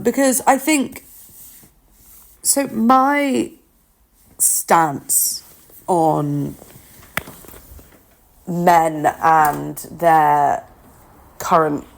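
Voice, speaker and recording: A woman with a lowish voice and a lot of vocal fry gives her opinions in an informal solo podcast. She is candid and self-deprecating, often hesitating and rewording as she works out her thoughts. She records at home by simply talking into her phone. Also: a little hiss or hum. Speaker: podcast host. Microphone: talking into a phone, no studio.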